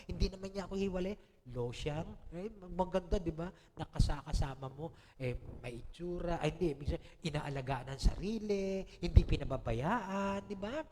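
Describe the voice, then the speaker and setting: A man's voice: fairly high pitch, a little mellow, in a large hall, a little hiss or hum. A Filipino man preaching a sermon as pastor, chatty and joking, laughing often and checking in with the congregation. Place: church hall.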